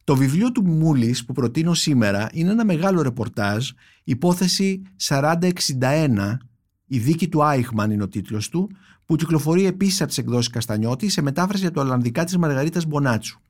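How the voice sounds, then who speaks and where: A man reading a translated poem aloud in a measured, reflective way, then recommending books on his podcast with many thoughtful pauses and fillers. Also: on the high side, lively intonation, darkish tone. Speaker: podcast host, book critic.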